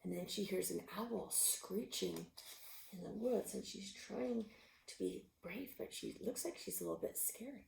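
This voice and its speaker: A woman reading a picture book aloud, expressive, sometimes dropping to a whisper. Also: mid-range voice, unhurried, creaky, slight background noise. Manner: expressive, with gasps and animal sounds; drops to a whisper at tense moments. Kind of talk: storybook read-aloud. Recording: roomy echo.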